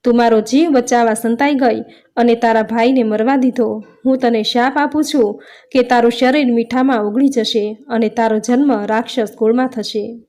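A grieving, indignant mother goddess who pleads and reproaches, as a woman telling the tale voices her. Her voice is fairly high and close to the storyteller's own. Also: steady tone, normal speed, darkish tone, natural voice. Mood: furious.

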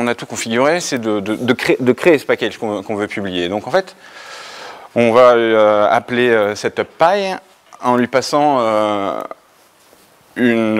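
A man's voice: medium pitch, clean tone. A man from France giving a technical conference talk, with frequent fillers and restarts. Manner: hesitant, many fillers and restarts. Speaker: conference speaker.

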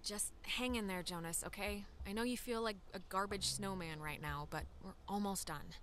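A woman's voice: mid-range voice, normal speed, a bit bright, a little hiss or hum, lightly acted. A woman voicing a wry, supportive teenage girl in a video game, casual and a little hesitant in a naturalistic style. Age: young adult. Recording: music under the voice.

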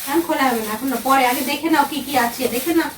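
Woman in her 30s, home vlogger, chatty and direct with viewers, a little high-pitched. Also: quick pace, echoey room, background noise. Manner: chatty, talks straight to viewers. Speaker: vlogger, mother. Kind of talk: casual vlog narration.

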